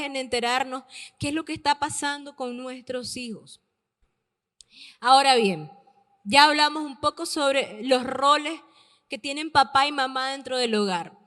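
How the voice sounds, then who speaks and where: Female preacher, high pitch, emphatic and repetitive delivery, long hall reverb. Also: fairly bright tone. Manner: emphatic, repeats key words slowly for stress. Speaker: preacher addressing youth and parents. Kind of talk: sermon.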